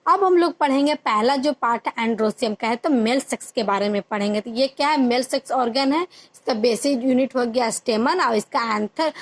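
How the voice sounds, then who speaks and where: A woman teaches a biology class online, her voice pitched high. She walks through each point step by step and keeps checking that her students are following. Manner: explains step by step, checks in with "ठीक है" often.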